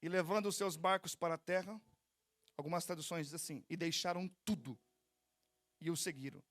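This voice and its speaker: A man's voice: fairly high pitch, brisk. A man with a Brazilian Portuguese accent preaching a sermon at a church service, telling stories with jokes and asking the congregation to repeat after him. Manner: lively storytelling with jokes and call-and-response. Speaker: pastor.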